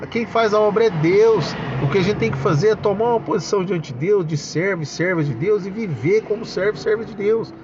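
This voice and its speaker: Fervent gravelly Brazilian man testifying. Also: high-pitched, lo-fi sound. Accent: Brazilian Portuguese. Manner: fervent, addresses listeners as brothers, exclaims praise. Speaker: church member giving a testimony. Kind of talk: spoken religious testimony to a channel's audience. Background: noisy motorbikes passing outside.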